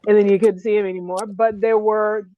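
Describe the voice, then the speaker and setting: A woman's voice: mid-range voice, flat delivery, brisk. A woman from Illinois, a guest on a casual podcast, talking thoughtfully with many hesitations. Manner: thoughtful, hesitant, laughs easily. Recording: slightly dull, lo-fi sound.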